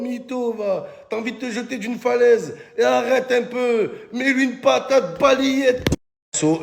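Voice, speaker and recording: A man delivers a comic rant to camera. His voice sits high with a gravelly rasp. He talks in rowdy street slang and keeps hailing his viewers as "les gars". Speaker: comedian.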